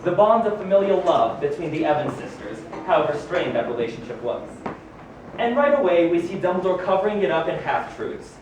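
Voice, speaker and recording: At a live book launch party, a performer playing a wizard headmaster reads his own biography to the crowd with theatrical flair and wry, amused asides. His natural, medium-pitched voice swings widely and runs a little fast. A distant microphone catches an echoey, noisy room.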